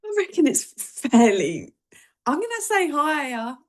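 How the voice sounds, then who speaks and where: A woman's voice: high voice, sing-song, unhurried. A woman co-hosting a podcast in casual chat, laid-back and supportive. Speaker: podcast co-host.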